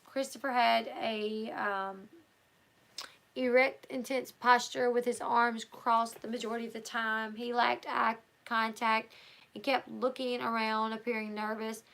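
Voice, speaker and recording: Reading a book aloud on her livestream, a hoarse woman chats casually with her audience, talking loosely with fillers and restarts. Her voice is on the high side and fairly bright, with a level tone and an unhurried pace.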